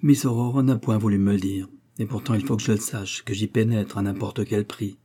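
A young French inventor brooding over his thoughts, as a male audiobook reader puts him on. He speaks in a low, husky, mellow voice. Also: fairly even intonation, fairly quick. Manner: brooding inner monologue.

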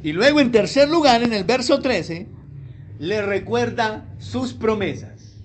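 Very high-voiced pastor preaching. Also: male voice, unhurried, a little hiss or hum. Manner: conversational, asks the congregation questions. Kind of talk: sermon.

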